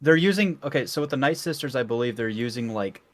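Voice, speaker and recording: A man co-hosting a casual reaction chat, animated and swearing freely as he complains. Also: medium pitch, quick pace. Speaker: reaction show co-host.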